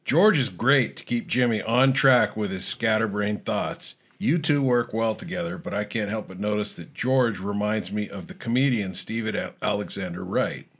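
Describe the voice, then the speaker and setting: A man filling in as host of a casual comedic chat show, talking in a dry, deadpan monotone. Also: on the low side, moderate pace, few pauses, husky. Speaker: fill-in host.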